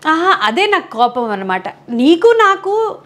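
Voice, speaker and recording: A woman's voice: very high-pitched, measured pace. A middle-aged woman with a Vizag Telugu accent, speaking candidly and emphatically as an interview guest. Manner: emphatic, animated, quotes others in lively voices. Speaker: interview guest, mother of a contestant.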